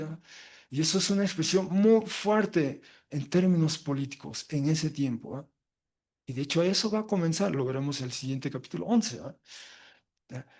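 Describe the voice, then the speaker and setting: A man preaching an expository sermon from the pulpit, lively and animated, often tagging his points with quick questions to the congregation. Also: on the high side. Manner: lively, often tags phrases with "¿verdad?" and "¿ah?"; animated, swinging between loud emphasis and quiet asides. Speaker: pastor.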